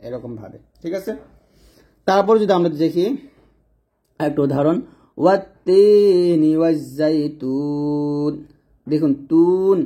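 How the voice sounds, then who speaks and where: A man's voice: a little high, warm tone. Man teaching Quran pronunciation. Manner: explains letter by letter, then slowly chants Quranic examples; checks in with "ঠিক আছে?". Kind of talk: online tajweed lesson.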